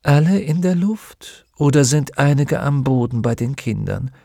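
An icy, fanatical woman questions her captive in a commanding tone, as a man voices her. The delivery is slow and deliberate, with a gravelly edge. The sound is close and dry. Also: medium pitch, animated, warm tone, no room sound, voice pushed up. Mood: cold interrogating. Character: cold, cruel woman interrogator, fanatical.

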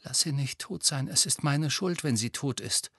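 A frightened but resolute teenage boy talks in a hushed, urgent voice, as a man reading a storybook puts him on. It stays close to the reader's own mid-range voice. The recording is dry and close. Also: mid-range voice, normal speed, breathy edge, no echo.

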